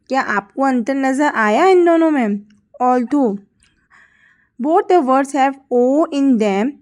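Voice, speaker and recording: An Indian woman taking a class through a textbook lesson at a very deliberate pace. Her voice sits fairly high, and she reads each English sentence out slowly before explaining it in simple terms. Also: mellow. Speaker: English teacher.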